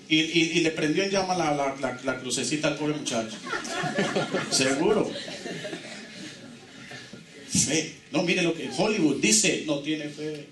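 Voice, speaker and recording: A man's voice: high voice, a bit bright. A male pastor preaching with fervor and leading his congregation in call-and-response declarations. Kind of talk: sermon. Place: church hall. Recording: echoey church from a distant mic.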